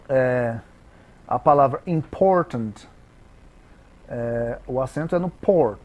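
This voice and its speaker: A Brazilian man with a Brazilian Portuguese accent, a guest explaining English pronunciation in a didactic, halting way with many repeated words. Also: mid-range voice, dark tone. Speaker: interview guest, English teacher. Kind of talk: explanatory interview talk.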